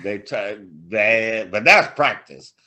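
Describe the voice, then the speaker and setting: A man's voice: lowish voice, slow pace. An older man co-hosting a casual sports podcast, telling stories with lots of laughter and swearing. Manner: animated, laughing storyteller, swears freely. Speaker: podcast co-host, grandfather.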